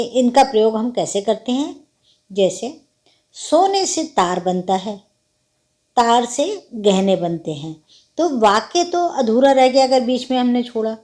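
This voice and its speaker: A woman teacher talks slowly and patiently, working through grammar rules one example at a time. Her voice sits at a middle pitch with a mellow, soft tone. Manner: patient, explains step by step with examples. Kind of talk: grammar lesson.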